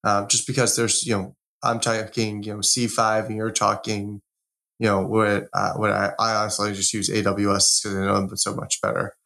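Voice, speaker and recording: A man co-hosting a casual tech podcast, relaxed and loose in delivery, leaning heavily on fillers as he thinks aloud. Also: fairly low pitch, normal speed, gravelly. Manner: relaxed, loose, heavy on "you know" and "like". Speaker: podcast co-host.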